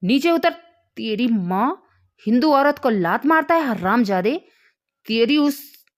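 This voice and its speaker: Brief: woman doing a skinny, scared man turned furious, shouting insults, higher-pitched. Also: expressive, takes it slowly. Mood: furious yelling. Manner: yelling insults, trembling with rage. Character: thin frightened man, shouting abuse in rage.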